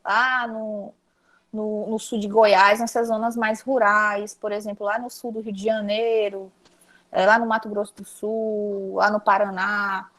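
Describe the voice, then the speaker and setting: A young woman with a Cearense Brazilian accent, teaching an online class in a chatty, upbeat way and talking straight to her students. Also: fairly high pitch. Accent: Cearense Brazilian Portuguese. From Ceará, Brazil. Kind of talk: casual online class lesson.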